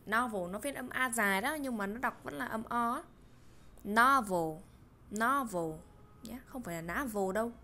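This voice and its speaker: A woman teaching English in a casual lesson, explaining words, repeating pronunciations and muttering quiet asides. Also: a little high, fairly quick, hardly any pauses.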